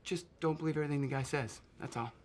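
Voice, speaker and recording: Man playing a fast-talking, cautioning officer. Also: fairly high pitch, slight background noise, natural voice. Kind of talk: film drama dialogue.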